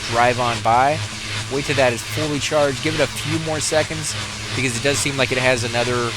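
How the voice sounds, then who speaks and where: A man giving casual, rambling let's play commentary, correcting himself as he goes and getting excited in fights. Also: medium pitch, background noise. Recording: game music loud behind voice. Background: game music and vehicle sounds.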